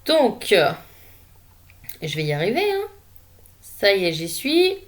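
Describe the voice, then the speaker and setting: A woman talks through her art journal page in an easygoing voice-over. She speaks slowly and loosely, with many small hesitations as she thinks aloud. Her pitch sits in an ordinary middle range. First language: French. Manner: relaxed and unhurried, with frequent hesitations. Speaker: craft vlogger. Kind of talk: casual voice-over narrating a scrapbooking session.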